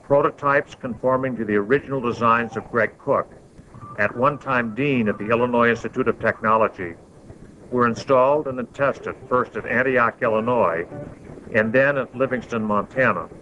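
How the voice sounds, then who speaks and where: A man reading scripted promotional narration for an infomercial in a measured, explanatory way. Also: mid-range voice, sharp tone. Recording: dull lo-fi, faint background noise.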